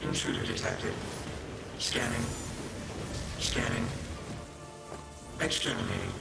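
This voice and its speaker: Stern security robot guy, gravelly and slow, flat clipped lines, big game music behind. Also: low-pitched, exaggerated voice. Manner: flat, clipped machine announcements. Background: loud game music.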